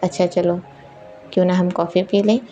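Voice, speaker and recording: A woman's voice: on the low side, level tone, normal speed, dark tone, dull audio, faint music behind, lightly acted. A woman voicing a young woman doctor who placates her upset girlfriend, soothing and mildly exasperated.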